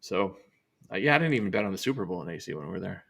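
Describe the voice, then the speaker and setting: A man's voice: low-pitched, very animated, rapid-fire, creaky, fairly bright tone, slightly rough. A man co-hosting a casual chat, with blunt, teasing and crude banter.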